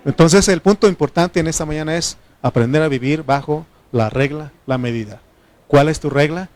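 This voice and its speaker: Delivering a folksy sermon, a middle-aged pastor invites responses from his congregation. He comes from Mexico, has Triqui as his first language, and speaks with a Mexican Spanish accent. His voice is a little high and a little mellow, at a normal pace.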